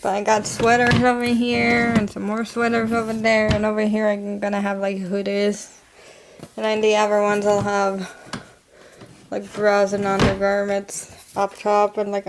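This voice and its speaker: A woman's voice: medium pitch, monotone, a little slow, background noise. A young woman vlogging casually at home, chatty and rambling, often correcting herself. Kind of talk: casual home vlog chat.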